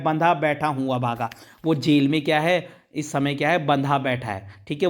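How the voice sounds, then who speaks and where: A male teacher explaining a poem to students, reading verses slowly and then explaining them in plain speech. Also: high-pitched, a bit bright. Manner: addresses students directly. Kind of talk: poetry lesson explanation.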